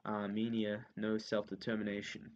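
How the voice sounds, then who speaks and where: A man's voice: fairly low pitch, monotone, moderate pace, lo-fi sound. A young man running an unscripted history revision lesson, thinking aloud with many ums and repeating key points as he writes them down. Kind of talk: unscripted revision lesson while writing notes.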